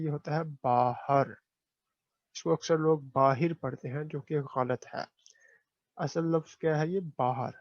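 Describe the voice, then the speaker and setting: A man's voice: on the high side, darkish tone, no room sound. A male teacher reads a textbook aloud and explains each word, asking and then answering his own questions. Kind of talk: classroom lecture reading and explaining a textbook. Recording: dry, dull lo-fi recording.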